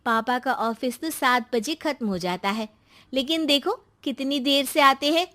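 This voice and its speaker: A woman's voice: high-pitched, unhurried, pushed and bright. A woman voicing a greedy, scheming young daughter in a moral story, insistent and insinuating.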